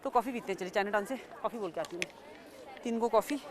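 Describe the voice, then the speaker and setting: Fast-talking Indian woman vlogging outdoors. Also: medium pitch. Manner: chatty, repeats herself, points things out to viewers. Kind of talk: casual vlog narration. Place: outdoors in a busy market street. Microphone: phone camera without external mic. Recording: crowded outdoor street noise. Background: crowd and passing vehicles.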